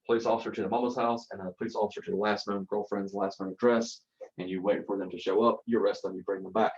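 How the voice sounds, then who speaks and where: A man's voice: fairly low pitch, darkish tone, highs cut off. A man, a college instructor telling a story in a lecture, using rhetorical questions and dramatic repetition.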